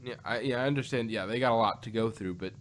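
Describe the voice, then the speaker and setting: Talking fast in a medium-pitched voice, a man co-hosting an audio drama review podcast rambles through a casual discussion, repeating phrases as he goes. There is noticeable background noise.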